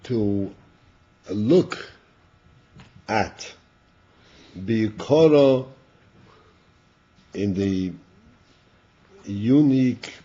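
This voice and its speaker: An older man, a rabbi, teaching a Chassidus class, who often repeats words and clears his throat. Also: fairly low pitch, very slow, long pauses, mellow. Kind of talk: slow, halting Torah class. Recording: dull lo-fi class recording.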